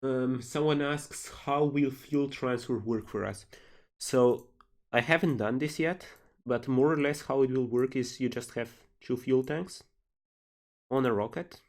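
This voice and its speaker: A man's voice: mid-range voice, unhurried. Man answering questions on stream. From Slovenia. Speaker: game developer hosting a livestream Q&A. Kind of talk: casual livestream Q&A, reading out questions and answering.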